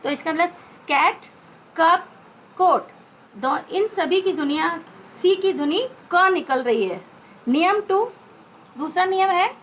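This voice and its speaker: A woman's voice: extremely high pitch, fairly bright tone, a little hiss or hum, rough recording. An Indian woman teacher giving a phonics lesson to children, spelling out letters and repeating each sound.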